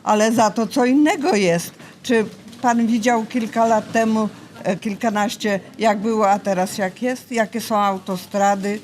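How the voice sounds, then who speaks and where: A woman's voice: mid-range voice, fairly even intonation, unhurried, a little mellow, slight background noise. An old woman in her seventies speaking in a casual interview, polite but insistent, with a folksy manner. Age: 70s. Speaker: interviewee, retired grandmother.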